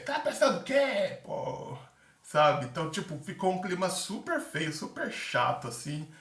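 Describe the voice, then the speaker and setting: A man with a high-leaning, fairly bright voice, formerly a theater-course candidate, gives chatty, casual vlog tips on the aptitude test. He acts out little examples and leans heavily on fillers. The room is echoey and the mic is far away.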